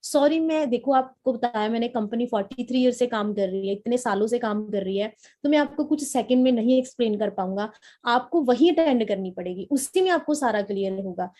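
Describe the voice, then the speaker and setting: A young woman from Punjab giving a lively, repetitive training talk to a sales team as its trainer. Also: fairly high pitch, a little fast. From Punjab, India. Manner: coaching, repetitive, lively storytelling. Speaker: network marketing trainer.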